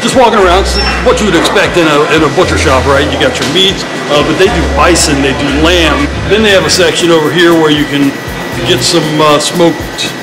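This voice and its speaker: A man's voice: on the high side, a little fast. A man in his forties from Ohio, casually walking a camera through a butcher shop and chatting about what he sees, with easygoing fillers. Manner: relaxed, rambling tour guide with fillers. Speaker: vlogger. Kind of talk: casual walkaround vlog. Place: large indoor butcher shop. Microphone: handheld camera at arm's length. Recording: roomy store with loud background music.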